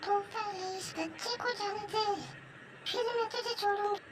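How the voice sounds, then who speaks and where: A woman's voice: very high-pitched, fairly even intonation, moderate pace, very noisy. A woman voicing a kind female spirit in a cartoon, a lost boy's mother, who speaks earnestly and protectively. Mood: stern. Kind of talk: cartoon voice acting.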